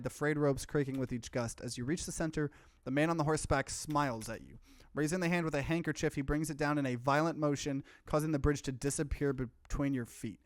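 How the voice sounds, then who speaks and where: A streamer doing a let's play reads visual novel narration aloud and drops in casual, offhand commentary. His voice is fairly high, and the studio-quality recording has no room sound.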